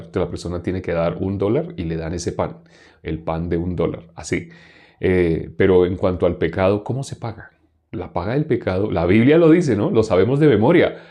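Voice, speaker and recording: A man's voice: lowish voice, warm tone. A man preaching a conversational Bible-teaching sermon, asking his listeners questions and mimicking people straining in prayer.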